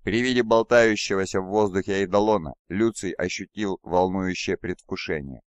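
A man narrates an audiobook in a steady, dramatic reading voice. His pitch sits on the low side. The recording is dry and close, with no room sound. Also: moderate pace, clean tone, dry recording.

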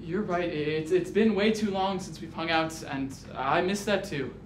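A man's voice: fairly high pitch, unhurried, close to an everyday voice. A young man playing a stammering, torn teen player. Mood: pleading. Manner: stammering, apologetic. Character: teen basketball player, torn, eager to fit in. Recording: roomy echo, faint noise.

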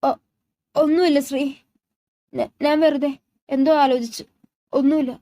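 A woman's voice: sits high, steady tone, unhurried, warm tone. A woman voicing a sad young woman who hesitates and brushes off concern while hiding her hurt, in a narrated love story. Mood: hiding sadness.

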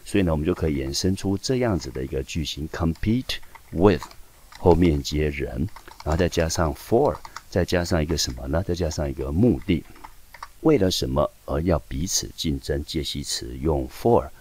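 Deep-voiced Taiwanese male teacher. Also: lively intonation, normal speed, darkish tone, a little hiss or hum. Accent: Taiwanese Mandarin. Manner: explains step by step, often asks and answers his own questions. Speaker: English teacher. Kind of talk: recorded classroom lesson. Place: high school teaching video.

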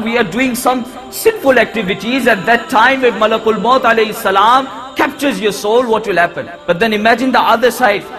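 High-pitched man preaching. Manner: rhetorical questions and emphatic repetition. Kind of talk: impassioned sermon. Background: music.

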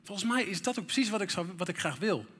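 A man's voice: high voice, lively intonation, fast talker, a bit bright, slightly rough. A middle-aged man preaching a sermon in a church, candid and conversational, with frequent fillers. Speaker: pastor. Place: church hall. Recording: reverberant church hall.

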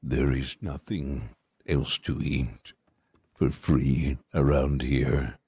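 A man playing a creepy, starving Wild West mortician in game roleplay, with a deadpan, deliberate, formal delivery and a husky voice. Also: no room sound, heavily acted. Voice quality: very deep, husky. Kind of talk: improvised game roleplay in character.

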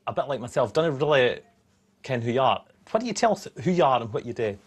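An actor playing a cheerful, dim Scottish soldier who interviews guests in a comedy show, blunt and rambling. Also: male voice, medium pitch, very animated, fast, breathy edge. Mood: cheeky.

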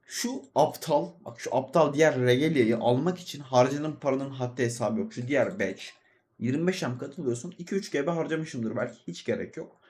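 A young man talks over his game session in a loose, rambling way, addressing his viewers as friends. His voice sits at an ordinary middle pitch. He sounds like a casual gaming streamer. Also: fairly quick, darkish tone. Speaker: gaming video host and streamer. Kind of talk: casual gameplay commentary.

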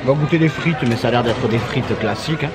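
Amid the clamor of a busy restaurant crowd in a large wooden hall, a man in his thirties chats fast in a medium-pitched voice for his vlog. Filming with a handheld camera at arm's length, he repeats himself and tags his phrases.

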